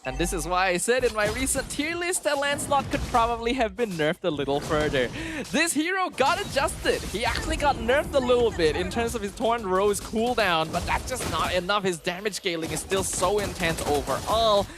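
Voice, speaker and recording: A man's voice: sits high, animated, moderate pace. A man giving live esports commentary as the analyst, fluent, emphatic and opinionated. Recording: music under the commentary. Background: music.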